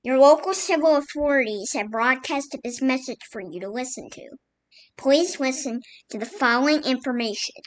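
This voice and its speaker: Acting as an announcer, a high-pitched woman reads a scripted mock emergency broadcast in a formal, halting manner.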